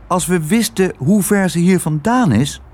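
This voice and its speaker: A man voicing a worried but hopeful young girl in a storybook, soft and earnest. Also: high-pitched, animated, measured pace, pitched above the performer's own voice.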